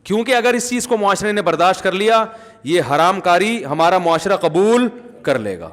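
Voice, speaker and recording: A man giving a humorous, animated sermon, often asking the audience questions. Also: high-pitched. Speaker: Islamic preacher. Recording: long hall reverb.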